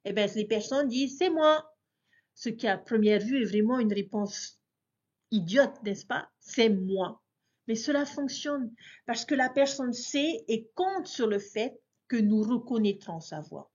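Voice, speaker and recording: Earnest woman leading a devotional lesson; a slightly husky voice, a dull recording. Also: on the high side, moderate pace, a little mellow. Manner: earnest, addresses listeners as brothers and sisters. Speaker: scripture study teacher.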